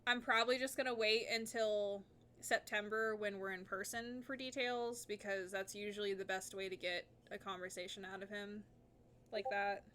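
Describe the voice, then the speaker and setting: A bright, clear-toned woman chats away while streaming her game. Her pitch sits mid-range and her talk is casual and full of laughter. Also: little pitch movement, moderate pace, a little hiss or hum. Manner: chatty, laughs often.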